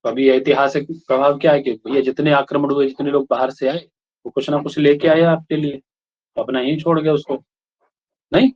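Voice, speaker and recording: A man's voice: mid-range voice, level tone, fairly quick, a little mellow. A man from India teaching a class, explaining points and checking in with the students with short questions. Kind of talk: classroom lecture. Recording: lo-fi classroom recording.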